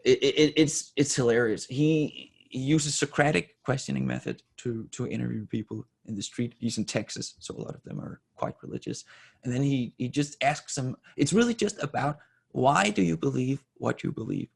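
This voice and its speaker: A gravelly, husky-voiced Danish native in his forties answers interview questions candidly, with a halting, self-correcting delivery. His mid-range voice is expressive.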